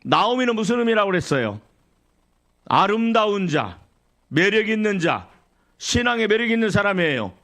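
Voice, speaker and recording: High-voiced male pastor preaching. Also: very animated, moderate pace, pauses often, a bit bright. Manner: asks the congregation questions and answers them; quotes scripture and acts out complaining believers. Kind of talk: sermon. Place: church sanctuary.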